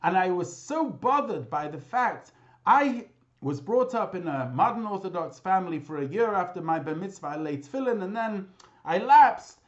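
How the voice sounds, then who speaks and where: A man, a rabbi, giving a memorial talk with lively storytelling, mixing in Hebrew and Yiddish terms, heard over a video call. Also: high-pitched, normal speed, highs cut off. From Britain.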